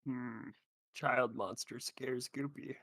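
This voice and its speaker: A man's voice: mid-range voice, fairly even intonation, takes it slowly, a bit bright, husky, no echo. A man playing a tabletop game, describing his character's actions in the third person. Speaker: player. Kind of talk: tabletop role-play.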